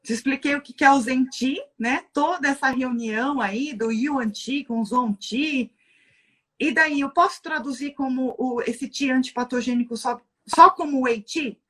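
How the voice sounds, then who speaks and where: A Brazilian woman with a high, fairly bright voice gives an explanatory livestream talk as a guest lecturer on Chinese medicine. Speaking at a moderate pace with a Brazilian Portuguese accent, she's teacherly, posing rhetorical questions and answering them herself while tagging sentences with "né?".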